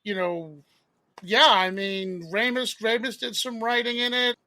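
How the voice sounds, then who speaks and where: A man's voice: sits high, little pitch movement, measured pace, pushed and bright, dry recording. A man from Boston, a podcast guest chatting casually about old comedies, rambling with lots of fillers. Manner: rambling, many fillers, laughs at own stories. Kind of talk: casual chat about movies.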